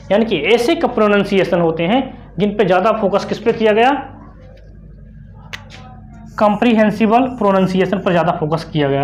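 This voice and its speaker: A young woman with an Indian accent leads an online exam-prep lesson in a mid-range voice. She keeps asking the class short questions and answers them herself. The key terms come back again and again with steady stress. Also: medium pitch. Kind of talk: explanatory online lecture.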